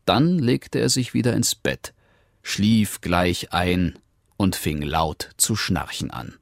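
Slow, animated man reading a fairy tale. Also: low voice, vocal fry, dry recording, clean studio sound. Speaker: narrator. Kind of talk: storybook reading.

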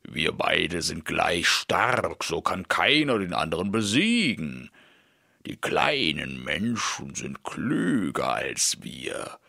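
Guy doing big plodding fairy-tale giants, low gravelly voice, dragging every word out. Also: very animated, pushed and bright, dry recording, clean studio sound, full character voice. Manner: slow, heavy, drawn-out delivery. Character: two slow, lumbering male giants quarrelling.

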